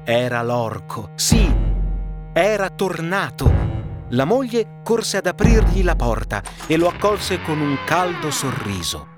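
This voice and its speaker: A man narrating a fairy tale, expressive and dramatic. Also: a little high, takes it slowly. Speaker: storyteller. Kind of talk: storybook narration. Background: background music.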